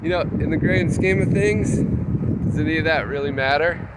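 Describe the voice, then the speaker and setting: Congested man vlogging over loud wind noise. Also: fairly high pitch, normal speed. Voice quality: slightly congested from a cold. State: has a cold with nasal congestion. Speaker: vlogger, trail runner. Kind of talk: casual vlog monologue.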